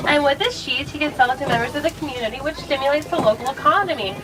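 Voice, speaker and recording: High-voiced woman guide over a loudspeaker. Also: fast talker, recorded from a distance, rough recording. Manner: cheerful, addresses riders as friends. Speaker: safari ride guide. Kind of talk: scripted tour spiel. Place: open-air safari truck outdoors.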